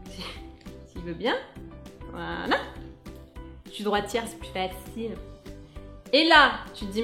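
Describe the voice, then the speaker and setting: Here the beauty vlogger's voice sits on the high side and sounds pushed and bright, bouncing around an echoey room. She's a talkative, playful young woman reviewing beauty products casually and tossing in little sung asides.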